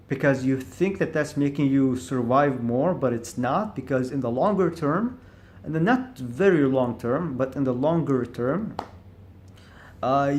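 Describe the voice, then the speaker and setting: With a mid-range, darkish voice, this vlogger reflects alone to camera. He is hesitant and searching, thinking aloud while stuttering on syllables and restarting frequently.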